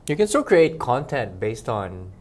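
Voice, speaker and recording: A man's voice: medium pitch, very animated, unhurried, darkish tone. A man hosting an interview show, opening with an upbeat greeting and asking his guest questions. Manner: upbeat, promo-style greeting. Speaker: show host. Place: office meeting room.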